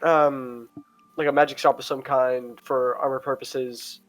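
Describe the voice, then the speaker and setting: A man's voice: medium pitch, little pitch movement, unhurried, rough recording. A man chatting casually as a player in a tabletop game, making polite, tentative requests.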